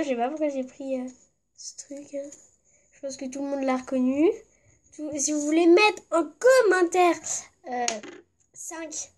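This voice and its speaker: A woman with a stuffy, congested voice from a cold chats casually to her viewers. Her voice sits high, and she rambles from one thought to the next, padding her sentences with fillers. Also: darkish tone. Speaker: vlogger. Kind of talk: casual vlog chat.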